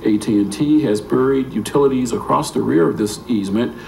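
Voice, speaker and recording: A man's voice: medium pitch, brisk, vocal fry, a little mellow. An American man, a planning staffer, reading a formal staff report aloud at a public meeting. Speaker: city planning staff member. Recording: echoey room with faint noise.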